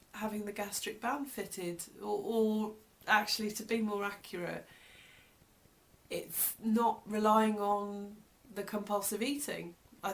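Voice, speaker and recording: A British woman with a gravelly mid-range voice speaks casually in a personal video diary. She's a vlogger, reflective and hesitant, often trailing off mid-thought.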